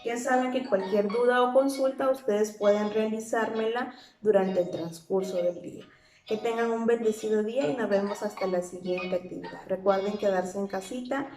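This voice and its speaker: A woman's voice: mid-range voice, steady tone, moderate pace, reverberant. A young woman teaching English words to preschoolers, repeating each word and having the children say it back. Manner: warm and encouraging. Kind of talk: slow, sing-song lesson for small children.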